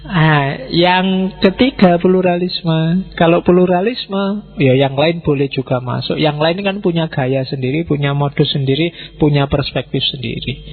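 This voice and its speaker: A man's voice: a little high, creaky. A man giving an informal philosophy lecture, talking conversationally and putting questions straight to his listeners. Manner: conversational, mixes in Javanese words, asks listeners directly. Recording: tinny phone-like recording with faint music.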